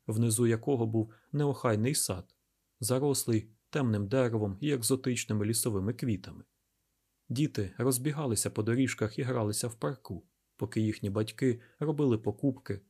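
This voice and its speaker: Husky male audiobook narrator. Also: medium pitch, dark tone. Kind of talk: scripted narration.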